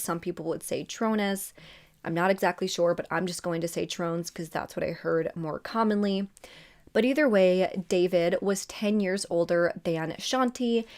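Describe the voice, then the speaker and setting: A woman's voice: mid-range voice, darkish tone. A woman hosting a true crime channel, telling a murder case in a casual, conversational way with chatty asides.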